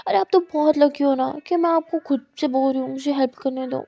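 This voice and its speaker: A woman's voice: high-pitched, steady tone, fairly quick, creaky, dry recording. A woman voicing a playful, teasing woman teacher who coaxes and wheedles her lover, in a dull lo-fi recording.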